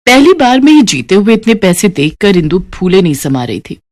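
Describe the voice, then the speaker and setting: A woman narrating a cartoon story in a calm, even telling. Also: mid-range voice, moderate pace.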